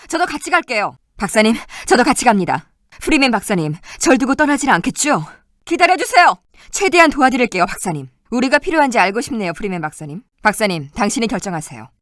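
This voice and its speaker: A woman's voice: a little high, fairly bright tone, no echo, studio quality. A woman voicing a weary but loyal woman resistance citizen, delivering short, clipped game voice-line barks. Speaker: voice actor.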